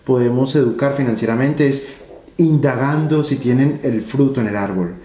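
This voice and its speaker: A man's voice: mid-range voice, moderate pace, mellow. Man explaining with analogies. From Colombia. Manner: explanatory, uses analogies and rhetorical questions, gestures with hands. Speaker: interviewee, finance educator. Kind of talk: seated interview conversation. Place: office room with large windows. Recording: roomy office echo.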